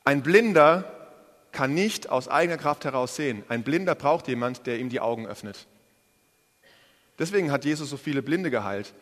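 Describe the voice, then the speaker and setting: A man preaching a sermon in a lively, casual way, speaking straight to the congregation. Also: mid-range voice, a little fast. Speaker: pastor. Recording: preached in a large hall with long reverb.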